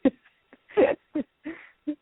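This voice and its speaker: Talking very slowly, a middle-aged woman raised in Venezuela and Canada appears as a guest actress in a casual interview, frequently laughing and rambling. The recording is dry and comes over a tinny phone line.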